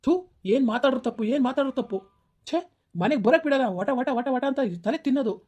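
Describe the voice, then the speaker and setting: Woman doing a grumpy young husband, village skit, snappish, scolding, rapid-fire, mellow tone. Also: high voice. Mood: irritated. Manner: snappish, scolding, quick-talking. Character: irritable young husband, defensive and dismissive.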